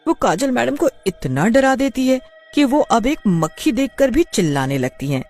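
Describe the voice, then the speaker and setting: A woman narrating a scripted cartoon story in an expressive, dramatic way. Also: a little high, normal speed, faint music behind.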